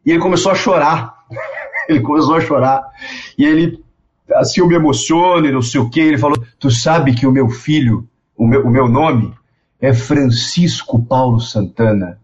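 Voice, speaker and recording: A man, telling stories in a casual interview, animated and repeating words as he goes. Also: a little high, normal speed. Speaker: guest. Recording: dull lo-fi sound.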